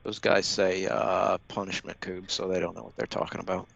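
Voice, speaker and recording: A man's voice: low-pitched, little pitch movement, moderate pace, gravelly, a bit bright. A man giving casual live sports commentary, laid-back with dry humor. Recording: dull lo-fi audio.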